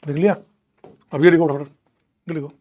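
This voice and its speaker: A man's voice: on the high side, fairly even intonation, a little fast, phone-quality sound. A young man teaching a live online class from a room at home, chatty and teasing as he answers students. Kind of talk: casual live class banter.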